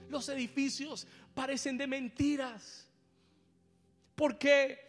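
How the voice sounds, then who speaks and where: A pastor preaching with fervor, dropping to hushed asides and rising to shouted emphasis, repeating his own lines in English. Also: extremely high pitch. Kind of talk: preaching a sermon.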